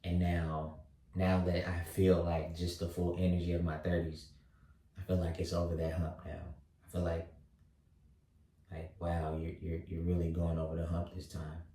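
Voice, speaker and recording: Deep-voiced thirty-year-old man musing aloud. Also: monotone, warm tone, far from the mic. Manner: halting, many fillers and restarts. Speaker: vlogger. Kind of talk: reflective casual monologue. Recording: roomy echo, voice set back from mic.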